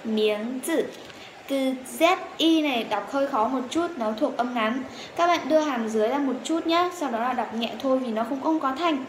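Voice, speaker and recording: A woman teaching a language lesson, saying words slowly and repeating them several times for learners to copy. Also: high-pitched, echoey room, slight background noise. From Vietnam.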